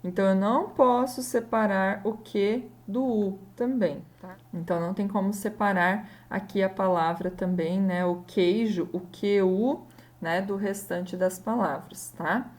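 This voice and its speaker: Woman, patient teacher, unhurried delivery, mid-pitched voice. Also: steady tone, darkish tone. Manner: patient, slow, spells out letters and checks in often. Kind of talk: explaining a grammar lesson.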